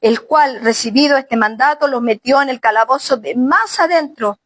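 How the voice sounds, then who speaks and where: A woman's voice: high-pitched, moderate pace, dry recording, rough recording. A woman pastor preaching a sermon earnestly, speaking directly to the sisters of her congregation. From Chile.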